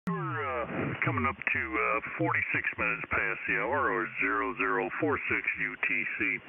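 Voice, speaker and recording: A low, very gravelly American male voice comes over a two-way radio. He runs check-ins as net control in measured procedural turns. The sound is tinny and narrow, buried in loud static. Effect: heard over two-way radio, like a walkie-talkie. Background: radio static and hiss.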